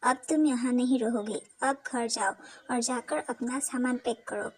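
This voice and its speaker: A woman's voice: a little high, a little slow, a little mellow, breathy edge, low-quality recording. A woman voicing a stern commanding brother. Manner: curt and commanding. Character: stern older brother, a businessman.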